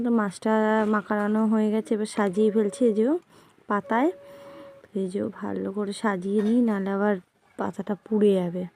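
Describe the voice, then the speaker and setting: A woman in a casual cooking vlog, talking softly and slowly in a tired, hoarse voice because she feels unwell. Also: medium pitch, a little hiss or hum. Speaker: cooking vlogger. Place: home kitchen.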